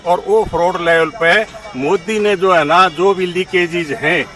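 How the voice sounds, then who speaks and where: Male, 70s, high voice, opinionated street interviewee, English terms mixed in, distant outdoor pickup. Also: steady tone, measured pace, pushed and bright, faint music behind. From India. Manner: repeats a verbal filler, mixes English terms into speech. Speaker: interviewee giving political opinions.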